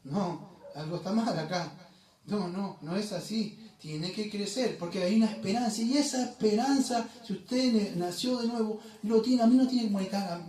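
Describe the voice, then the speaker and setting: A man's voice: sits high, moderate pace, darkish tone. A man preaching a sermon as pastor, emphatic and full of rhetorical questions. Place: church sanctuary. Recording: echoey church room from far off.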